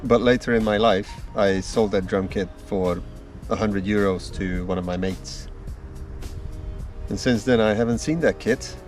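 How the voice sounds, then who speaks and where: In a woodland setting, a man from Slovakia who vlogs about drumming gives an easygoing introduction to camera in a lowish voice with a darkish tone. His slow storytelling includes small pauses, recorded on a distant mic with faint music playing.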